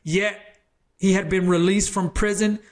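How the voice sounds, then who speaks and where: A man's voice: high voice, fairly even intonation, a little slow. A man who is a former gang member, a guest on an interview show, tells his personal testimony as a story, earnest and emphatic, often repeating words as he builds up.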